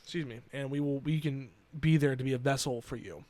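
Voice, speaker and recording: Young man, podcast host, earnest, halting, emotional, mid-pitched voice. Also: steady tone, warm tone, dry recording. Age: 20s. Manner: earnest, halting, with many restarts and "you know". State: emotional, near tears. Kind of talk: personal solo podcast talk.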